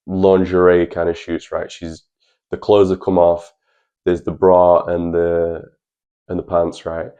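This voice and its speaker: Deep-voiced young man. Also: dark tone, clean tone, muffled recording. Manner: earnest, chatty, addresses viewers as lads. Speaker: channel host. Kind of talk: personal advice vlog.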